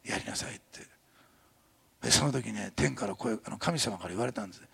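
An older man preaching a sermon as a pastor, chatty and animated, often adding tag questions and laughing. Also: fairly low pitch, fairly quick, gravelly, slightly rough.

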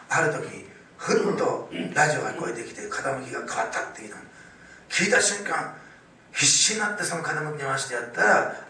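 Male pastor, sermon storyteller, fast delivery, whispers to loud bursts, distant mic, faint room ambience. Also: mid-range voice, vocal fry, very echoey, slight background noise. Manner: storytelling, swings from hushed whispers to loud exclaiming.

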